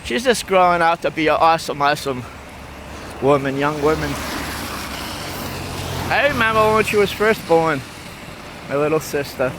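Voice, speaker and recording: A man's voice: fairly high pitch, lively intonation, normal speed, long pauses, noisy background. A man, walking outdoors on a city street and rambling affectionately as he tells personal stories for his vlog, repeating himself often. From Massachusetts. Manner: rambling, repetitive, affectionate storytelling. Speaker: vlogger.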